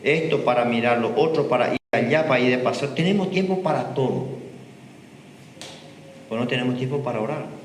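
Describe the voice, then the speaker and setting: A man preaching a sermon in a church, emphatic and prodding his listeners with rhetorical questions. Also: mid-range voice. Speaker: pastor. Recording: echoey church hall, faint noise.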